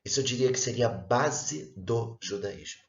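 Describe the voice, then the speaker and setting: A man's voice: mid-range voice, expressive, creaky, lo-fi sound. Earnest man teaching in a roomy space. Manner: measured, earnest, explains point by point. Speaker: religious teacher. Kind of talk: explanatory religious lesson.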